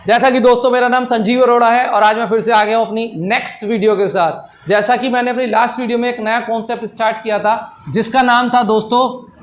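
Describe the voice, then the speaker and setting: Man, English teacher, high voice, chatty, repeats phrases slowly, echoey room. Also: fairly even intonation. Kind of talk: bilingual video lesson.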